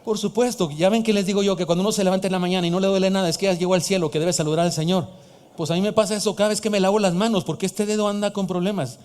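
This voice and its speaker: Mexican pastor, 50s, somewhat high voice, preaching with jokes, long church reverb. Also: male voice, steady tone, racing, a little mellow. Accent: Mexican Spanish. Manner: emphatic preacher, joking asides to the congregation. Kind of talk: sermon. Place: church hall.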